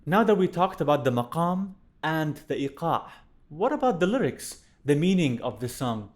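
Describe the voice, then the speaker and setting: A young Iraqi-born man, a violinist, teaches a music lesson to camera in a clear, explanatory way, chanting rhythm syllables in time. His voice is a little high and sing-song, and he speaks at a normal speed. He records indoors in a studio room with a plant, on a condenser mic mounted on a stand.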